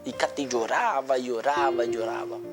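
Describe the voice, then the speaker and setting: A man's voice: medium pitch, steady tone, moderate pace, music in the background. A male pastor preaching a sermon with a repetitive cadence that builds into a fervent appeal.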